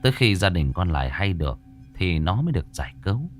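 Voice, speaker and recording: A man narrating a scripted horror story in a dramatic, expressive way. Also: low-pitched, quick pace, soft background music.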